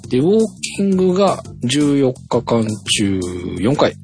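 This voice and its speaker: A man's voice: mid-range voice, very animated, measured pace, a little mellow, faint music behind. A man casually reading out his diet results on a chat podcast, laughing at himself, with a light lilt. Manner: reads out numbers with little drumroll cues, laughs at himself.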